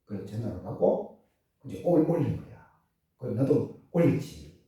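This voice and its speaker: A man's voice: medium pitch, big pitch swings, unhurried, warm tone. A man preaching a sermon, full of rhetorical questions to the congregation. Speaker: pastor. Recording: echoey church hall from far off.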